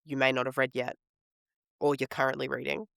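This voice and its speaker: A man hoarse from a head cold, with a smoker's rasp, chatting casually and informally as a podcast co-host. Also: medium pitch, level tone, brisk, fairly bright tone, dry recording, clean studio sound. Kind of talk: casual chat about books.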